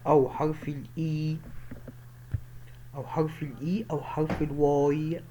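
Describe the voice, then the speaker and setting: A man's voice: a little high, level tone, mellow. A man with an Egyptian Arabic accent teaching English pronunciation, drilling each word and sound over and over. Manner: drills words slowly, repeating each sound many times. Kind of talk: pronunciation lesson. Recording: slightly dull with faint background noise.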